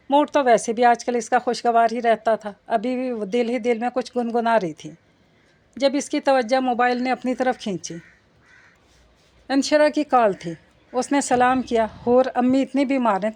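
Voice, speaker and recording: A woman's voice: fairly high pitch, a little mellow. Woman narrating a romance novel. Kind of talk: audiobook novel reading.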